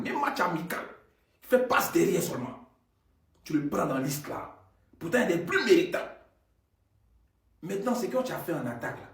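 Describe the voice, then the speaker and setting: A man's voice: sits high, echoey room, distant mic. A man with an Ivorian French accent, a football fan reproaching the coach directly, exasperated and complaining. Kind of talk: complaining monologue.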